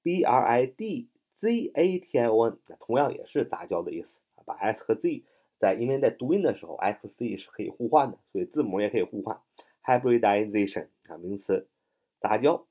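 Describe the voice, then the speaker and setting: Speaking fairly quickly in a mid-range voice, a man runs an English vocabulary lesson. He spells words letter by letter, offers memory tricks, and keeps up a chatty, animated style full of "啊" fillers.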